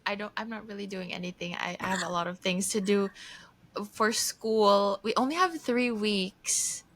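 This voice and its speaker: A woman in her early thirties, originally from the Philippines and now living in Japan, co-hosts a podcast chat with an old friend. She laughs often and talks in quick bursts, restarting her sentences. Her voice is medium-pitched and fairly bright, heard on a dry, rough recording.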